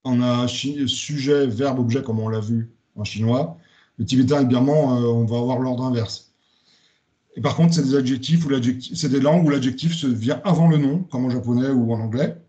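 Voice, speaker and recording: A man's voice: mid-range voice, moderate pace, mellow, muffled recording. A man giving a spoken lecture presentation, hesitant, with many fillers and restarts.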